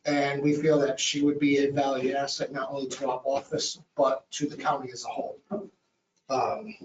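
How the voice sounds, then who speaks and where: A man's voice: mid-range voice, level tone, moderate pace. Polite male director, Boston accent, distant and dull-sounding with faint hiss. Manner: polite, formal. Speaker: development authority director. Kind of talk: presenting a request at a public meeting. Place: county meeting room. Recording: distant, echoey, dull audio with faint noise.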